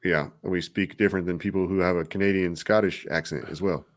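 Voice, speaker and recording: A man's voice: deep voice, steady tone, fast. A man co-hosting a casual live review show, easygoing and agreeable, chuckling often. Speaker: co-host of a soda review show.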